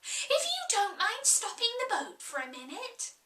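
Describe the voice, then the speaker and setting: A woman's voice: sing-song, unhurried, full character voice. A woman voicing a polite, eager young girl who pleads and wonders aloud. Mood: excited pleading. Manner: breathless, pleading, high and bright. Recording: roomy echo, distant mic.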